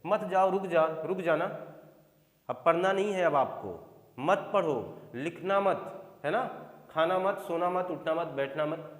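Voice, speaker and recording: A man's voice: a little high, unhurried. A man teaching a grammar lesson for exam preparation, explaining with many repeated example sentences and often checking whether listeners follow. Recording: echoey room with long reverb.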